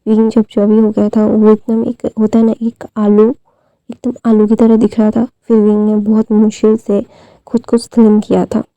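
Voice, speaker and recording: Brief: young woman storyteller, rambling casual retelling, dark, gravelly voice. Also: mid-range voice, completely flat delivery, normal speed, no echo, rough recording. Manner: rambling, many fillers and restarts.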